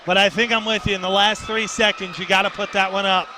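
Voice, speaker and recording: A man doing live sports commentary as color analyst, shouting over the crowd. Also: sits high, level tone, fast, noisy background.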